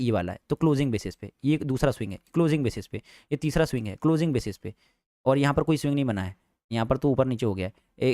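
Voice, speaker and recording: A man's voice: mid-range voice, a little mellow, no room sound, clean studio sound. A man teaching a live trading class in a chatty, teasing way, repeating each point. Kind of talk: casual live class lecture.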